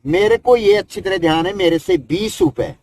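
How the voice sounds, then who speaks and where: A man's voice: sits high, normal speed, a little mellow. An older man, a Himalayan yogi, telling his life story in a rambling, folksy way and tagging his sentences with "isn't it". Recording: noisy ambient background.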